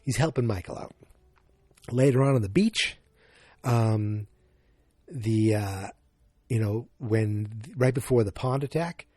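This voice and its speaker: Slow-paced and pausing often, a Massachusetts man with a Boston accent hosts a solo podcast in a warm, lowish voice. There's no echo, and his speech rambles with frequent restarts, self-interruptions, and fillers.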